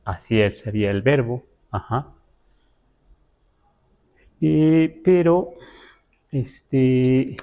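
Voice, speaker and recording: Male Nahuatl teacher from the Huasteca, live class, slow patient delivery with frequent fillers and check-in questions. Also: medium pitch, warm tone. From Huasteca, Mexico. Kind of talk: live online language class. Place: Mexico City.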